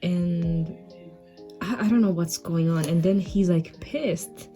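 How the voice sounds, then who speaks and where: A woman's voice: on the low side, slow, dark tone, soft background music. A woman talking through her old comic in a casual voice-over, rambling and self-mocking, with lots of 'like'. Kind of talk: casual art commentary voice-over.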